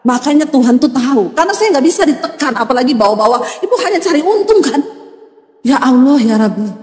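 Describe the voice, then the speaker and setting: A woman's voice: high voice, brisk. A woman pastor preaching a sermon as a story, acting out the voices of the people in it. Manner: animated, acts out voices of others in her story. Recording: echoey hall.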